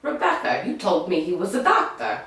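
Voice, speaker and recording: Casting: woman as a fussy, scandalized older mother; low voice, distant roomy mic. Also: huge pitch swings, normal speed, a bit bright. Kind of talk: improvised sitcom acting.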